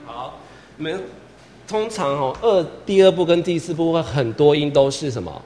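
A man's voice: fairly high pitch, expressive, moderate pace, a little mellow. A man directing a choir rehearsal, patiently repeating instructions, counting the singers in and singing lines to show them. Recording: long hall reverb with piano behind. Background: piano accompaniment.

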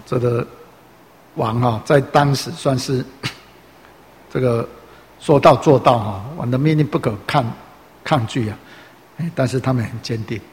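A man preaching a sermon in a loose, chatty way, full of filler particles and rhetorical questions to the congregation. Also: medium pitch. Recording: roomy hall reverb, faint noise.

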